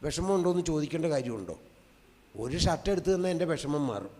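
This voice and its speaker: A man in his fifties, a lay preacher giving an emotional testimony sermon, swinging between loud emphatic cries and soft hushed asides. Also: a little high, lively intonation, fast. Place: large convention hall. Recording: long hall reverb.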